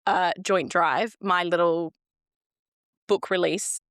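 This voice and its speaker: A woman co-hosts a book podcast in an informal, rambling style. Her voice is slightly low, and the recording is dry and close. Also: steady tone, slow, a bit bright, no echo. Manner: informal, rambling, self-quoting. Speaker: podcast co-host. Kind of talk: casual chat about books.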